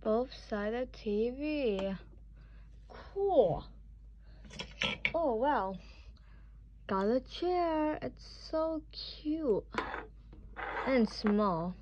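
A woman chatting casually as she sets up a dollhouse, with excited little exclamations. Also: sits high, drawn-out words, long pauses. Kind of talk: casual toy play commentary. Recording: dull lo-fi sound with clear background noise.

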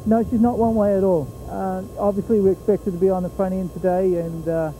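A middle-aged man with a New Zealand accent, a horse trainer speaking in an outdoor trackside interview, plain-spoken with many pauses and fillers. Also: high-pitched, level tone, warm tone, a little hiss or hum, low-quality recording. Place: outdoor fairground racetrack.

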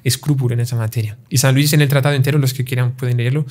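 Calm, mellow-voiced priest explaining. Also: male voice, medium pitch. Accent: Spanish-speaking. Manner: calm, measured, teaching with parables and rhetorical questions. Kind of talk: explanatory religious talk.

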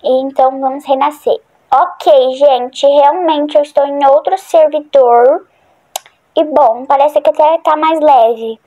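A woman's voice: high voice, steady tone, slow pace, warm tone. A woman chatting casually through a horror game for her channel, rambling and easily startled. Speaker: gaming channel host. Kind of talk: casual gameplay commentary.

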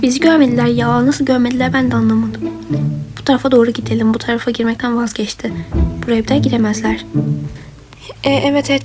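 A woman voicing characters in a doll game role-play, lively and chatty, switching between them. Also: high voice. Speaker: role-play video maker. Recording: background music.

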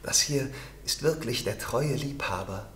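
A man's voice: medium pitch, measured pace, fairly bright tone, roomy sound, slight background noise, close to an everyday voice. A man voicing a tender, longing female nightingale in a storybook reading, lyrical and earnest. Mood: wondering.

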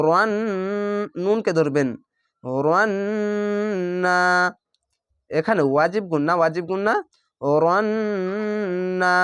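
High-voiced man teaching slow recitation. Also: dry recording, clean studio sound. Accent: Bangladeshi Bengali. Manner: patient, repeats rules, drawls out words slowly. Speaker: Quran reading teacher. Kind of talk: step-by-step recitation lesson.

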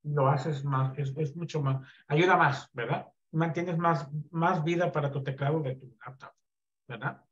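A man teaching a basic computer class over a video call, relaxed, with many fillers and check-in questions. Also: fairly high pitch, a little slow, lo-fi sound.

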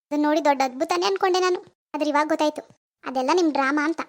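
A woman voicing a nosy young daughter-in-law in an animated family drama, loud and pushy with accusing questions. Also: high voice, rapid-fire, close to an everyday voice.

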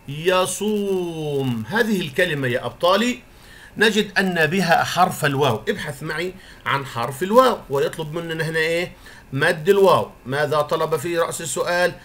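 A male primary school teacher gives a recorded lesson for young children, praising them often and stretching example words out slowly. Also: fairly high pitch, a bit bright. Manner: encouraging, praises the pupils often.

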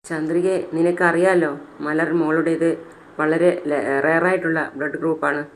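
A man's voice: fairly high pitch, level tone, normal speed, close to an everyday voice. A narrator doing a caring young man. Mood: reassuring. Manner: reassuring.

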